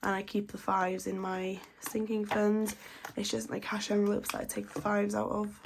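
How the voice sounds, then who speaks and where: A woman in her 20s with a creaky, mid-range voice chats at a moderate pace while she steadily counts cash for her budgeting vlog. She sounds slightly blocked up from a cold, and background noise is audible.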